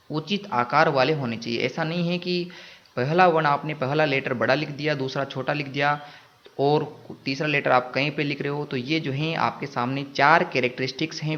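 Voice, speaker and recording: A man teaching an exam-prep lesson. He reads short English phrases, then explains them in Hindi, asking questions and answering them himself. His voice sits a little high and the audio is dull and lo-fi. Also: fairly bright tone.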